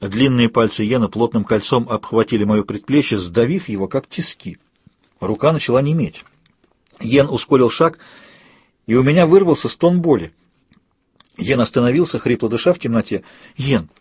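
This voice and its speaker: Male audiobook reader, husky tone, dry close sound, steady read. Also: medium pitch, moderate pace, no echo. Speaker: audiobook narrator. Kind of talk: scripted audiobook narration.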